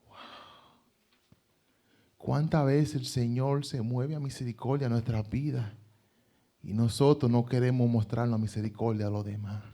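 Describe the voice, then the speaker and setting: A man's voice: mid-range voice, fairly even intonation, measured pace, long pauses, dark tone. A man preaching a sermon as pastor, retelling with emphasis and rhetorical questions.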